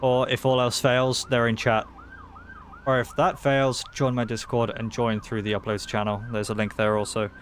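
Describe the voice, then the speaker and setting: A man livestreaming a game in casual chat, talking in excitable bro-and-dude slang. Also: medium pitch, moderate pace, a little hiss or hum. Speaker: live game streamer.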